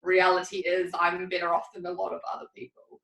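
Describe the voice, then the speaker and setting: A woman's voice: on the low side, completely flat delivery, a little fast, a bit bright. A woman co-hosting a podcast in a casual chat, rambling and candid, laughing often. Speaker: podcast co-host. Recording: roomy, a bit distant from the mic.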